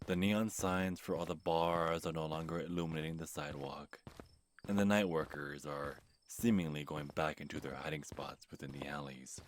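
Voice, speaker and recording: A man telling a scripted second-person horror story in a calm, measured way. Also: a bass voice, a little hiss or hum. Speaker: narrator and channel host.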